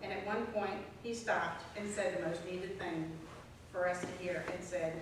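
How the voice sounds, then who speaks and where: A woman telling her personal faith testimony as a guest speaker at a prayer group, earnest and storytelling, with emphatic pauses. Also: fairly low pitch, steady tone. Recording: echoey room, mic far off, faint noise.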